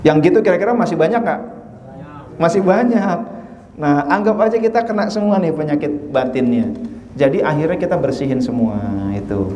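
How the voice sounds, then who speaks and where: A man's voice: a little high, animated, fairly quick, warm tone, slight background noise. A man giving a chatty sermon at a study gathering, joking and acting out little dialogues. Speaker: preacher. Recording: echoey hall from far off.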